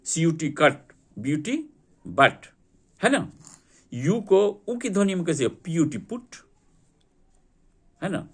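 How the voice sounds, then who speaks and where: A male teacher leads a classroom vocabulary lesson, calling out words and their meanings for students to repeat. His husky voice rises and falls with lively pitch, fairly high for a man, and he speaks at a slow, deliberate pace. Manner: drills word meanings, asks students to repeat. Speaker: English teacher.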